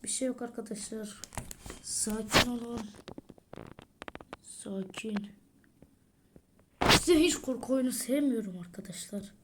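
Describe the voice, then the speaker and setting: A woman, commentating a horror game as she plays, muttering to herself with sudden loud outbursts. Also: a little high, measured pace, pauses often, very noisy. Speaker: gaming streamer. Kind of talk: let's play commentary.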